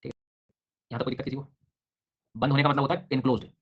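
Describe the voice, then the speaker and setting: A man runs an online geography class, talking very fast and calling on students by name. His comes through as he explains and questions them. The recording is dull and lo-fi. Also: mid-range voice, fairly even intonation, breathy edge. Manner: brisk, quizzing students by name. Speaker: teacher.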